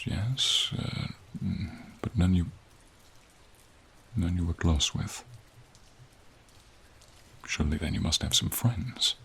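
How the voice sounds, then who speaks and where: Deep, breathy, and gravelly, this exaggerated voice belongs to a voice actor portraying a gentle, wise, lonely dragon in a slow ASMR fantasy roleplay. The pacing is measured and pensive, slightly formal, with frequent pauses, and light rain with outdoor ambience runs underneath.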